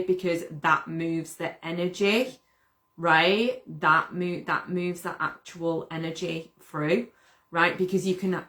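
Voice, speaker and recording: A young woman from the UK, hosting a casual livestream, talking loosely with fillers as she wraps up. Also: on the low side. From United Kingdom. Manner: relaxed, fillers, promotional wrap-up. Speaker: livestream host.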